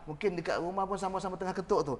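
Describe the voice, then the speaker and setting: A man's voice: high voice, rapid-fire, in a large hall, heavy background noise. A man with a Malaysian Malay accent teaching a Quran reading class, counting beats aloud and drilling his students in call and response. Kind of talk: demonstrating a lesson on camera.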